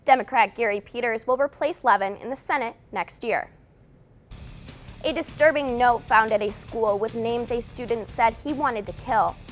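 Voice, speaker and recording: High-voiced American woman anchoring a newscast, read straight. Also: normal speed, soft background music. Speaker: news anchor. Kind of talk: scripted television newscast reading.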